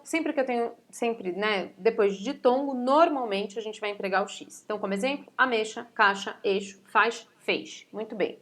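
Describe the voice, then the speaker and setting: A woman with a Brazilian Portuguese accent, a teacher explaining spelling rules step by step and often checking in with her students. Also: fairly high pitch. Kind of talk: recorded spelling lesson.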